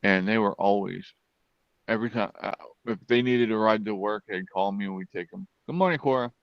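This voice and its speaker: A man in a casual chat who tells stories haltingly, with many pauses and restarts. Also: lowish voice, little pitch movement, creaky, clear, resonant tone, no echo, lo-fi sound.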